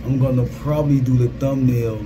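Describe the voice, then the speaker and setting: A man in his thirties talks informally as a gaming creator updating his followers. His voice sits at a middle pitch and he circles back over his phrases. The phone recording, made in a small booth, carries clear ambient and vehicle noise. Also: little pitch movement, brisk. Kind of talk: casual vlog update. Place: small security guard booth.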